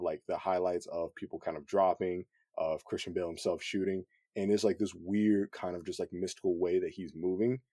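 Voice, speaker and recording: A man with a low, mellow voice talks through his camera work in a loose, easygoing podcast chat. He rambles, piling on fillers and restarts. The sound is dry and close, with no room around it. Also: dry recording. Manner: relaxed, rambling, many fillers. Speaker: cinematographer guest. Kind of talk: casual podcast conversation.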